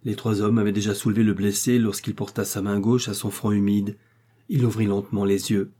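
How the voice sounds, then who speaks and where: A man narrating a novel in steady storytelling. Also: lowish voice, brisk, breathy edge. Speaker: audiobook narrator. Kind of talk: scripted narration.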